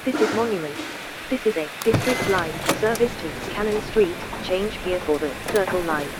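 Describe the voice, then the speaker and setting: Female automated train announcer, measured station announcement over heavy train noise. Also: medium pitch. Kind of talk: prerecorded transit announcement.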